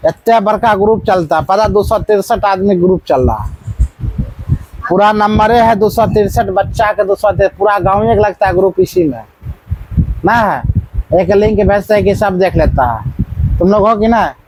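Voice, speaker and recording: High-voiced man quizzing a class. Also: normal speed, darkish tone, low-quality recording. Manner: quizzing students with repeated questions. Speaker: teacher. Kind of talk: classroom biology lesson.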